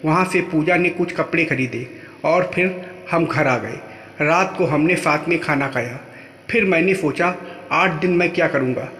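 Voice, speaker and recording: A man telling a first-person story in plain, steady narration. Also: on the high side, unhurried. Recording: echoey room with long reverb.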